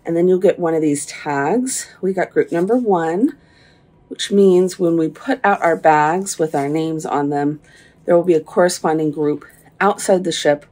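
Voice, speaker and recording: A woman in her thirties with a low voice walks viewers through the steps in a chatty, explanatory way. She is recorded close on a handheld camera in a small cruise cabin. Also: measured pace, darkish tone. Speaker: vlogger. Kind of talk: casual travel vlog narration. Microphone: camera held at arm's length.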